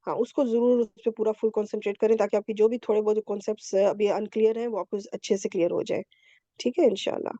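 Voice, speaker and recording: A woman's voice: medium pitch, steady tone, warm tone, dry recording, lo-fi sound. A woman teaching Quranic Arabic grammar in an online class, explaining patiently step by step and checking in often with her students. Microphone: computer mic on a video call.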